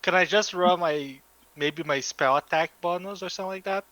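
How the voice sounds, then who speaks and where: A young man with a Californian accent and a high, bright voice. He chats through a tabletop game and keeps asking questions. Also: moderate pace, no echo. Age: young adult. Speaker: player. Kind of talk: casual chat around a tabletop game.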